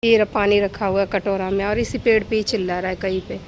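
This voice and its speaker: A woman vlogging casually at home and on a rooftop, talking quietly into a phone camera so she won't wake anyone. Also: flat delivery, quick pace, slight background noise. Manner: hushed, low-volume talk so as not to wake a sleeper. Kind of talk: casual vlog chat while walking around home.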